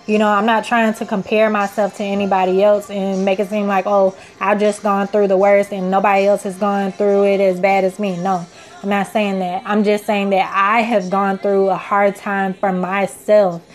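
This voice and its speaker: A woman's voice: medium pitch, flat delivery, moderate pace, soft background music. A woman in her twenties hosting a casual self-help podcast, talking in an earnest, encouraging, rambling way full of "you know" and "like". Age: 20s. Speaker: podcast host.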